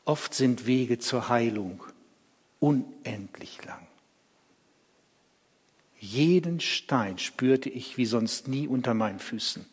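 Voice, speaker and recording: Husky man telling a dramatic story. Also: mid-range voice, unhurried, few pauses. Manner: vivid, emotional, swings between hushed and loud. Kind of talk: dramatic first-person biblical monologue. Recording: reverberant hall.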